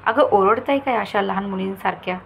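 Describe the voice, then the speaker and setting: Rohini is a cheeky, impulsive young woman, wheedling and teasing as she talks, as a woman storyteller gives her a voice. Her pitch sits in the middle. There is a faint bit of noise behind her. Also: a little fast, gravelly, low-quality recording. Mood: playful. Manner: lively, pleading, teasing.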